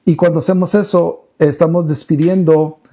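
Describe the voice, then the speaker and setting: A man co-hosts a faith-based parenting podcast, his voice on the high side, steady and dark, at a moderate pace. He speaks earnestly, in a teaching way, slipping English words into his talk. The podcast audio is dull and lo-fi.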